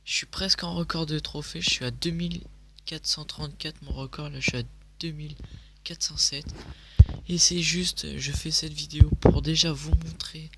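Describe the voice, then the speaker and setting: A young man quietly commenting on his own game replays at home at night, speaking softly and a little sick. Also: a little high, fairly even intonation, normal speed, background noise. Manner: speaks softly, often near a whisper. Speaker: gaming youtuber. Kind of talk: casual gameplay commentary.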